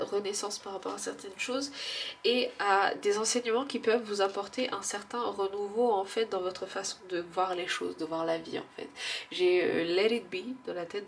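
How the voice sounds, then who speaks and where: Here a mid-range woman, nose clearly stuffed up, works through an easygoing oracle card reading with frequent fillers, hesitant musing, and quiet self-directed laughs. A little hiss or hum sits in the background.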